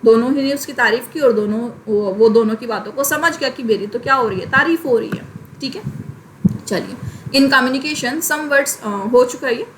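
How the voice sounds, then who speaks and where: A young woman teaching a class, with a fairly high voice. She explains in Hindi, reads English lines slowly, and checks in with her students often. A faint background hiss sits under the recording. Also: fairly bright tone, poor audio. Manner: frequent "ठीक है" check-ins. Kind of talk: online class lecture.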